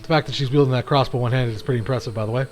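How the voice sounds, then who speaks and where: A man's voice: medium pitch, fairly even intonation, racing, slight background noise. A man hosting a gaming channel, giving casual, rambling commentary with frequent restarts while he plays.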